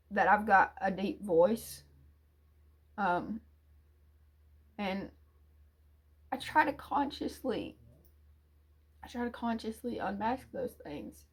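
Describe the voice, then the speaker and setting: A YouTuber delivers a confessional monologue, her voice hesitant and emotional, full of restarts and sighs. At times she sinks into a quiet, low mumble, and there's a breathy edge to her speech.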